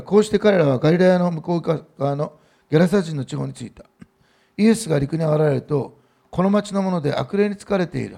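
A man's voice: on the high side, creaky, warm tone, breathy edge. A middle-aged man giving a sermon as pastor at a church service, in a loose, conversational way with fillers and asides.

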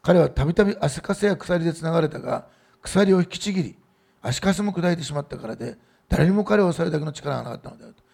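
Middle-aged guy pastor, super gravelly voice, rambly casual sermon talk at church. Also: a little high, expressive, fast, darkish tone. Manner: loose, conversational preaching with fillers and asides. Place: church service.

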